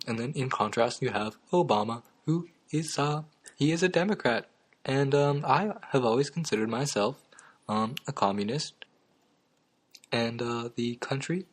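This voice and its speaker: A young man with a medium-pitched voice hosts a comedy talk show, offering absurd claims in a halting deadpan packed with ums and uhs.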